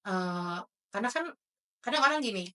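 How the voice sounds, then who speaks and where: A woman's voice: mid-range voice, expressive, normal speed, bright, forceful tone, recorded from a distance. A young woman psychologist talking as a podcast guest, telling a story in a chatty way with lots of fillers. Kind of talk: casual podcast chat.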